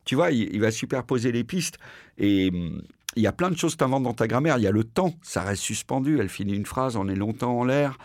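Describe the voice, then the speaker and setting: A man hosting a radio talk, telling a behind-the-scenes story in a lively conversational way. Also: medium pitch, a little fast, no echo, studio quality.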